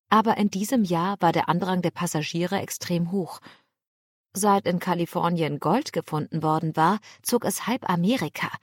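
A woman narrating an audiobook in a somewhat low voice. She reads at an even, measured pace, recorded close and dry with no room sound. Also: no echo. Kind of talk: scripted narration.

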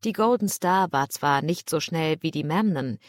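A woman narrating an audiobook in a somewhat low voice. She reads at an even, measured pace, recorded close and dry with no room sound. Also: no echo. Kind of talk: scripted narration.

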